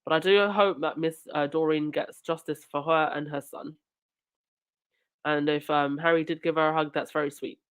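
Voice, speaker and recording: A woman hosting a live chat stream thanks viewers and reads comments, sometimes indignantly talking back to chat and supporters. Her low, clean-toned voice has fairly even intonation and normal speed, and her nose is stuffy from a cold.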